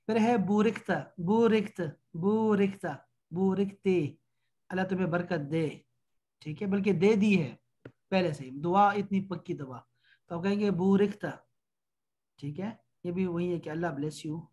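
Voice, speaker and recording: A man teaching an online language lesson. He patiently drills each phrase slowly and repeats it, then explains it quickly and corrects the student. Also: high-pitched, darkish tone. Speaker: Arabic teacher.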